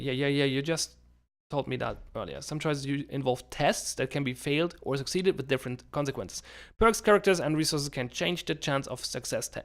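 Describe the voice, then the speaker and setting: A man reads a game's story text aloud in a mid-pitched, conversational voice. He keeps stopping to restart words and toss in wry asides. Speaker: gaming channel host. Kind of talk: reading game text aloud with casual commentary.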